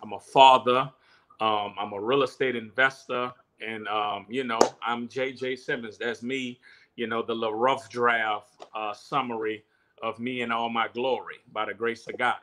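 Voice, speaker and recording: A man's voice: mid-range voice, level tone, normal speed, fairly bright tone. A young man from Honduras raised in New Orleans, a guest speaker giving a laid-back, faith-filled account of his life. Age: young adult. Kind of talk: casual interview.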